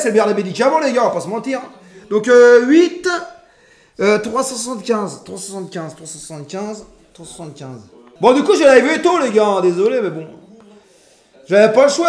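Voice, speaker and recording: A man's voice: high-pitched, reverberant. A man live-streaming while he cooks in his rented apartment kitchen, rambling with crude jokes and asides to his chat. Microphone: streaming setup with camera.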